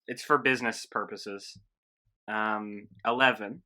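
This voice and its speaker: A man speaking as a player in a tabletop game, earnest and thinking out loud. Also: fairly low pitch, fairly even intonation, unhurried. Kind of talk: casual tabletop play.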